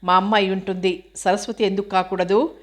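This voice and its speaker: A woman's voice: mid-range voice, flat delivery, fairly quick, close to an everyday voice. A woman voicing a teasing, worldly young woman. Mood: teasing warning.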